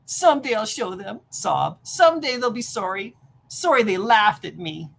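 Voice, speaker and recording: A woman reading aloud as a bullied teenage boy, speaking in excited, breathless exclamations. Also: medium pitch, moderate pace, vocal fry. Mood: self-pitying.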